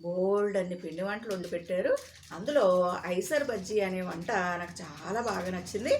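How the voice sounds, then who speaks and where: A woman's voice: lowish voice, moderate pace, noisy background, natural voice. A woman voicing a simple-minded, forgetful village husband who talks in a naive, insistent way. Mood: pleased.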